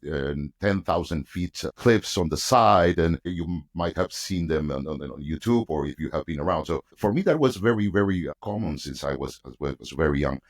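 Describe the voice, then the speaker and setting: Male interview guest with a Peruvian Spanish accent, very low voice, polite and hesitant. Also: expressive, moderate pace, few pauses. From Peru. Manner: polite, hesitant, many restarts. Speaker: guest, travel company founder. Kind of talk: conversational interview.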